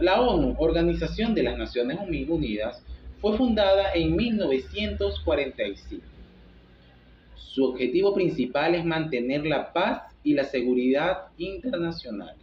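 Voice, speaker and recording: A man's voice: a little high, a little hiss or hum. A man reading a school lesson aloud from his notes, stumbling and restarting words now and then. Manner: reads from notes with halting restarts. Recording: echoey room, dull lo-fi sound.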